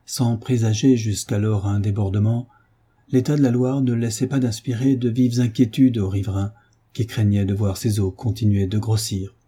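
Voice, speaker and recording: Brief: male audiobook narrator, measured storytelling, very mellow dark tone, a touch husky. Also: on the low side.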